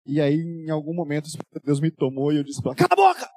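A male pastor preaching a fervent sermon, moving between loud exhortation and quiet storytelling, in a dry room. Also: on the high side, flat delivery, rapid-fire, no echo.

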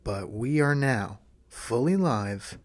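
A man hosting a casual solo podcast, playful and mock-sultry, talking close into the microphone right in the listener's ear and often dropping to a breathy whisper. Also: mid-range voice, animated, slow. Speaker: podcast host. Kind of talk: casual chat podcast monologue.

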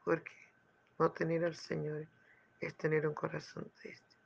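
A man preaching a sermon with fervent exclamations and hushed asides. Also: a little high, completely flat delivery, unhurried, gravelly, lo-fi sound, slight background noise. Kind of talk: sermon with a retold parable.

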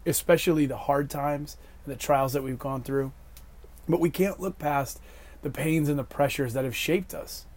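Hoarse man with a smoker's rasp. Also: fairly high pitch, darkish tone. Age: 30s. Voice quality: hoarse, raspy like a chain smoker. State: hoarse from yelling at a game. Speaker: host giving a faith reflection. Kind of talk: scripted inspirational reflection.

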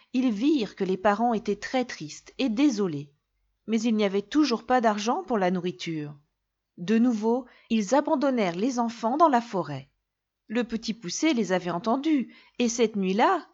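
A woman narrating a fairy tale in an expressive, clear storybook reading. The recording is dull and lo-fi. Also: mid-range voice.

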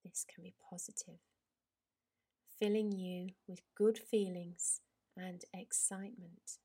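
Breathy lady yoga teacher, super slow soft guided relaxation, kinda low voice, half whispering. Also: steady tone.

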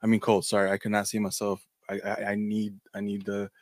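Male podcast host, low voice, halting casual delivery, dry close recording. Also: monotone, dry recording. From Mexico. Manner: halting, many restarts and fillers. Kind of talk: casual interview talk.

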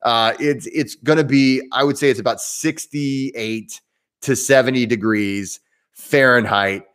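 Speaking at a measured pace in a medium-pitched, fairly bright voice, a southern Indiana man runs a laid-back livestream. He fields viewer questions in a chatty, meandering way, frequently starting over mid-thought.

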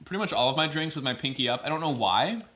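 A man's voice: on the high side, expressive, fast talker, pushed and bright. A man co-hosting a podcast in casual chat, rambling with fillers and laughing easily. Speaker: podcast co-host.

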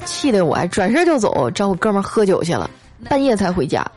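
A woman's voice: mid-range voice, sing-song, fast talker, darkish tone. Lady hosting a comedy show, teasing and playful, bit of music under her. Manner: playful, teasing, acts out characters' lines. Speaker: host of a comedy talk show. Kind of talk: scripted comedic storytelling.

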